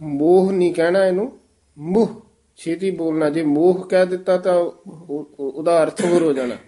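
A man teaching scripture recitation, correcting pronunciation and marking pauses phrase by phrase. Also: fairly high pitch, fairly even intonation, dark tone. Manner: corrective, instructive, slows for each phrase.

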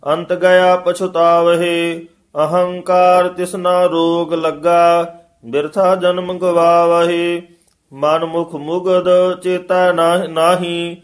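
A man reciting scripture line by line as a student, half singing in a slow, even chant. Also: high voice.

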